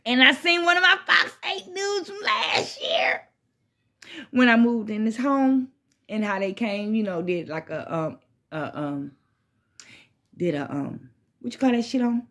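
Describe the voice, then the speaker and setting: Indoors in a small bedroom, a woman hosts a smoke session for her vlog, chatting to a phone propped at arm's length or a bit further. Her fairly high voice is expressive, unhurried and sharp as she rambles in a laid-back stoner way, swearing, using slang and circling back over her phrases.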